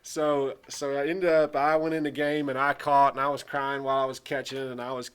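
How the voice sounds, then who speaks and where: A man who coaches baseball, telling a personal anecdote in a casual, animated way and playfully exaggerating. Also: medium pitch, brisk, smooth.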